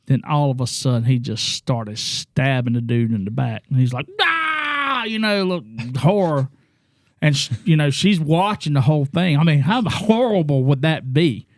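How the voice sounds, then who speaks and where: A man with a gravelly, fry-edged voice that sits a little high. He tells the story with energy, acting parts out and teasing the others at the table. The sound is close and dry, with no room around it. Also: no room sound. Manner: animated storyteller, acts out screams, teasing. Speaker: podcast co-host. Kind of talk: casual true-crime chat over drinks.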